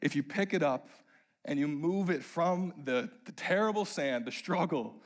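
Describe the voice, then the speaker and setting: Young male preacher, slightly high voice, animated storyteller who turns emphatic. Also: moderate pace. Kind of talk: sermon with personal story.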